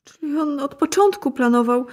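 A woman's voice: sits high, moderate pace, a little mellow, close to an everyday voice. An actress playing a shocked middle-aged mother in a radio drama, pleading and tearful. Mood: tender. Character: shocked mother and wife, desperate and protective.

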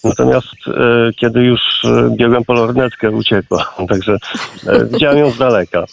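A man's voice: medium pitch, fairly even intonation, normal speed, creaky, slight background noise, rough recording. A man calling in to a radio show, talking hesitantly with many fillers about birds. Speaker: caller. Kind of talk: phone-in chat.

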